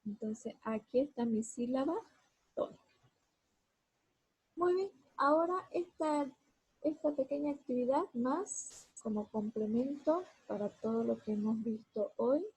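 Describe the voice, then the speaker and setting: Slow, husky-voiced woman teacher. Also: high voice, lively intonation, darkish tone, poor audio. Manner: explains step by step, talks straight to students. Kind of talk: classroom lesson.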